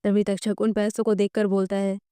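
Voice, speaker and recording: A woman's voice: mid-range voice, little pitch movement, brisk, warm tone, clean tone, dry recording. A woman narrating a story recap, reading every character's lines in close to her own voice.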